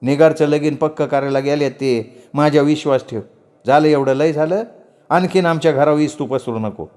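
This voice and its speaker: A man's voice: on the high side, normal speed, a little mellow, pitched above the performer's own voice, close to an everyday voice. A man voicing a middle-aged village aunt who scolds harshly in rustic dialect. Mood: pleading.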